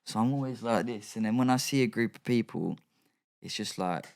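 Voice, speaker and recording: A man's voice: lowish voice, a little fast, gravelly, darkish tone. A young man, chatting casually as a podcast guest, slangy and rambling with lots of fillers. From England. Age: young adult. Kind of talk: casual chat.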